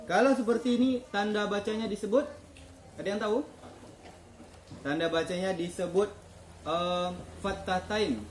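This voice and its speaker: A man's voice: sits high, steady tone, normal speed, pauses often, a little hiss or hum. A man teaching children to read the Quran in a classroom, patiently quizzing them and praising their answers. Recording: echoey classroom.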